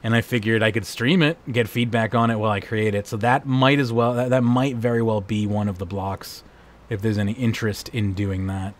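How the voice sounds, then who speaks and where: A man with a hoarse voice, hosting and wrapping up a livestream in a casual, rambling way. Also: fairly low pitch, steady tone, fairly quick. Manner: rambling, laid-back. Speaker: livestream host. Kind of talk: casual stream sign-off chat.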